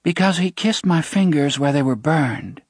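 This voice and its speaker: A man's voice: a little high, animated, moderate pace, slightly rough, no room sound, clean studio sound, pitched above the performer's own voice. A man voicing a tearful yet defiant young woman who speaks in old-fashioned phrasing.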